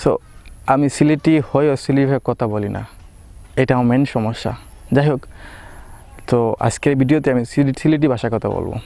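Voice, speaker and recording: A man's voice: mid-range voice, moderate pace, vocal fry, pauses often, mellow, no echo. A young man from Bangladesh talking playfully to camera in a casual comic vlog. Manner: playful, mixes standard Bangla with Sylheti dialect. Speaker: vlogger.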